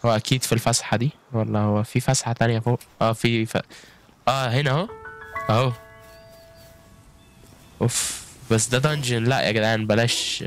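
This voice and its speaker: A man's voice: medium pitch, fairly even intonation, brisk, long pauses, faint music behind. Egyptian male gaming creator, chatty running commentary aimed at viewers, mid-range voice. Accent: Egyptian Arabic. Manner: chatty, keeps calling out to viewers with frequent exclamations. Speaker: gaming YouTuber. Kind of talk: live gameplay commentary.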